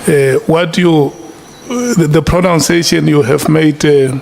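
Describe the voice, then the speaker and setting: A South African man chairing a hearing, halting, good-humoured and conciliatory. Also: on the high side, fairly even intonation, gravelly, darkish tone. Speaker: committee chairperson. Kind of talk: informal remarks chairing a hearing. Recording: noisy hearing room ambience.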